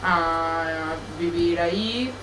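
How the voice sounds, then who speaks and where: Young woman, group sharer, halting and searching, lowish voice, recorded far off in a roomy space with background noise. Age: young adult. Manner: hesitant, searching, many restarts. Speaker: group participant. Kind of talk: group sharing circle talk.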